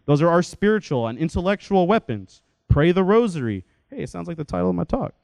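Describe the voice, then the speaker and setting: A young adult man giving a lecture-style talk in a lively, conversational way, often checking in with his listeners. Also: high-pitched, brisk, creaky, no room sound. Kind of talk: lecture to an audience.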